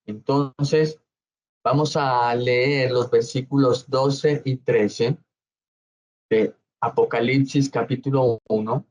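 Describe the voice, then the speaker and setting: A man preaching a slow, measured Bible study sermon as pastor, often checking in with his congregation. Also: medium pitch, steady tone, darkish tone, poor audio.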